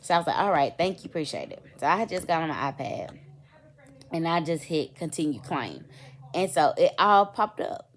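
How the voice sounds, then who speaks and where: A woman's voice: low voice, lively intonation, moderate pace. A middle-aged woman, venting in a rambling, sleepy casual storytime vlog. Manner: rambling, venting, lots of fillers. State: sleepy, yawning. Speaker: vlogger.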